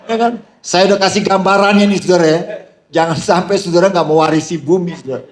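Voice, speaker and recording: A man with a high-pitched voice preaches fast, telling humorous stories with a certain flavor and often breaking into laughter. Addressing the congregation as "saudara," he grows animated during the sermon, his voice rising when he's excited.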